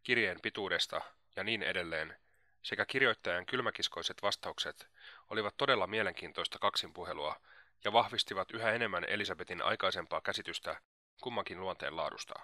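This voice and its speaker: A man narrating a classic novel for an audiobook in an even, measured way. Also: deep voice, dry recording, studio quality.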